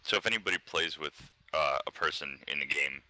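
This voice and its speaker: A man's voice: extremely low pitch, a little fast, pushed and bright, low-quality recording. A man chiming in with joking asides during a casual gaming clan voice-chat meeting, over a headset mic.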